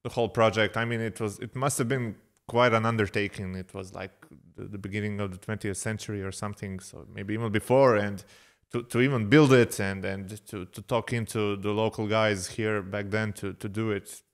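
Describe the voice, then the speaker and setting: Low-voiced male interview host. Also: steady tone. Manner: friendly, agreeable, quick interjections. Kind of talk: casual interview chat.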